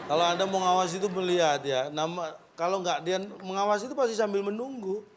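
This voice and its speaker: A man hosting a comedy quiz show, bossy and teasing, who snaps at the audience to be quiet. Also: high voice, fast talker. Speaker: quiz host.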